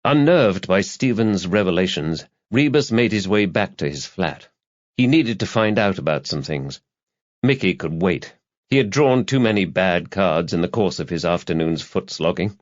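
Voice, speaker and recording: Narrating a crime thriller audiobook, a man with a low, animated voice delivers scripted, dramatic storytelling at a moderate pace. There's no room sound, though the audio is slightly dull and lo-fi.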